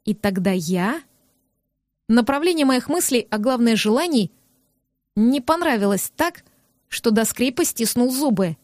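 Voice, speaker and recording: Woman reading audiobook, first person, steady, highish voice. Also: unhurried, pauses often, no echo, studio quality. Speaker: audiobook reader.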